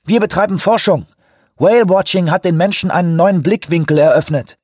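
A man's voice: high voice, fairly quick, a little mellow, husky, dry recording, studio quality, pitched above the performer's own voice. A man voicing an exasperated male whale researcher who talks urgently and holds his anger back. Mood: stern. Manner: urgent, pleading, irritated.

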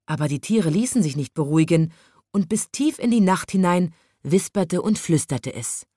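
Woman reading a kids story, lively, lowish voice, dry. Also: normal speed, no room sound. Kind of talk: reading a children's story aloud.

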